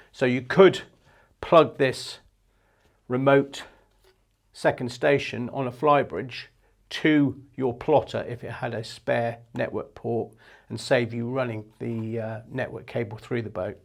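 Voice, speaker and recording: A medium-pitched, gravelly man in his fifties demonstrates marine equipment shop products off the cuff, explaining things plainly and matter-of-factly. He's recorded on a clip-on lapel mic.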